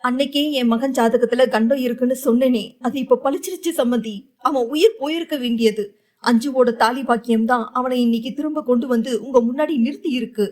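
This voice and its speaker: A woman's voice: fairly high pitch, a little fast, a little mellow, lightly acted. A woman voicing a scheming, pushy middle-aged mother-in-law in an audio novel, pleading emotionally.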